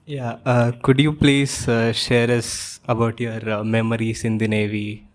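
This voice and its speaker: A man's voice: mid-range voice, level tone, unhurried. A man with an Indian accent putting polite, formal questions to a guest as interviewer. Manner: formal, deferential.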